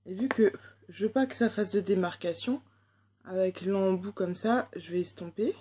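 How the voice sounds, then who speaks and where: Her voice sits in the mid range, mellow and husky, moving at a moderate pace. The young beauty vlogger, who has a French accent, chats hesitantly about a makeup palette, using plenty of fillers.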